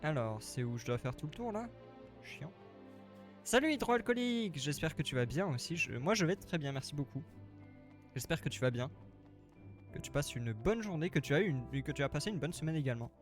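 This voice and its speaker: Slightly high, chatty male game streamer. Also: expressive, a little fast. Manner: chatty, rambling, repeats himself. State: a little tired. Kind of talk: casual live let's-play commentary. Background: faint game music.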